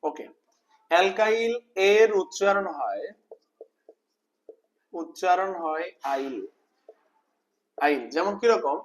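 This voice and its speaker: A man, teaching an informal exam-prep chemistry lesson, repeating terms slowly and asking students whether they follow. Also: high voice, animated, a little hiss or hum. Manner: repeats terms slowly, checks understanding with questions. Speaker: chemistry tutor.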